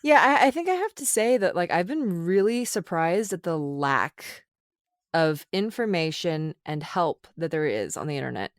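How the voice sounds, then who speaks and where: A woman's voice: on the low side, very animated, normal speed, no echo, clean studio sound. A woman co-hosting a casual podcast, speaking candidly and mocking advice she reads aloud. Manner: candid, reads tips aloud and mocks them. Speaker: podcast co-host.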